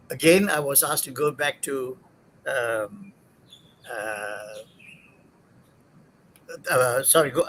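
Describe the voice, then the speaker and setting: An older man from Singapore speaks as an interview guest, his voice sitting somewhat high for a man. He talks haltingly, filling pauses and going back to correct himself as he recalls his career. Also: fairly bright tone, a little hiss or hum, low-quality recording. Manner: halting, many fillers and self-corrections.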